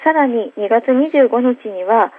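A woman's voice: fairly high pitch, lively intonation, unhurried. A woman calling into a radio show by phone, giving a report in a polite, formal way. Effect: phone line into a radio show. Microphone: telephone. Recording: tinny phone line.

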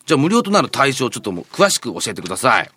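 A man's voice: mid-range voice, sing-song, rapid-fire, bright, forceful tone, slightly rough. A man presenting and interviewing as a radio host in a chatty, polite, lightly joking way. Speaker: radio show host and reporter.

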